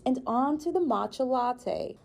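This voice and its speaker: A woman narrates a local news feature from a script, upbeat and a little playful. Her voice sits a bit high but has a mellow, warm tone. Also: lively intonation, unhurried, creaky, slight background noise. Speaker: news reporter.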